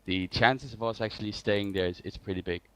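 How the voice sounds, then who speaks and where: A man who instructs armored vehicle drills gives an informal tactical briefing over online game voice chat, hesitating and repeating points for emphasis. His lowish, clear, resonant voice is fairly even and a little fast. The recording is rough, with faint noise and clicks.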